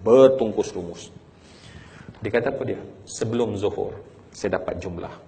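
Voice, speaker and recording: A man with a Malaysian Malay accent preaching a sermon through a story, swinging from hushed telling to emotional crying out. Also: lowish voice, normal speed.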